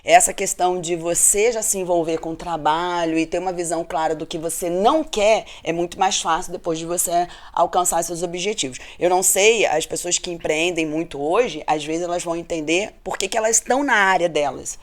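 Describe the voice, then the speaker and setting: A woman's voice: fairly low pitch, brisk, few pauses. A middle-aged woman physician, telling her story in a casual interview and often tagging her sentences with "né?". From Brazil, Rio de Janeiro state. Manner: animated storyteller, frequent "né?" tag questions. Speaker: physician guest.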